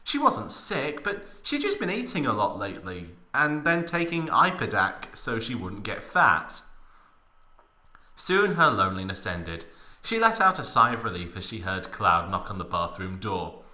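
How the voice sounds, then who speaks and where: A man on the low side of pitch, speaking at a moderate pace, presents a story with mock drama. His animated, theatrical narration is broken up by humorous asides, recorded with noticeable room echo.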